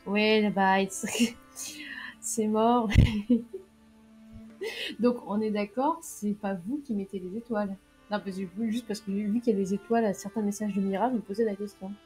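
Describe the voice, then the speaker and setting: A woman's voice: medium pitch, moderate pace, pauses often, a little mellow. A young woman streaming a game, chatting casually, laughing often and reading chat messages aloud. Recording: faint game music behind.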